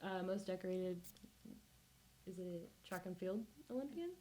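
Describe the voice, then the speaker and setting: A young woman hosts a casual student podcast. She talks in a chatty, animated way, laughing often and jumping between thoughts. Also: lowish voice, unhurried, slight background noise, rough recording. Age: young adult. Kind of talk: casual chat.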